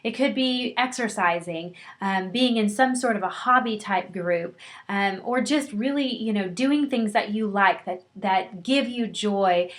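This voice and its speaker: A middle-aged counseling instructor records a lecture for her students, speaking at an ordinary pitch in a warm, encouraging, conversational way. She frequently pauses on "um" and restarts her sentences.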